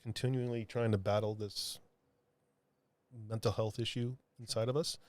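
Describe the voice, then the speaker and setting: Earnest low-voiced man telling a story. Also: level tone. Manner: halting, many restarts and fillers; earnest, heartfelt. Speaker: comic book artist guest. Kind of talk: podcast interview storytelling.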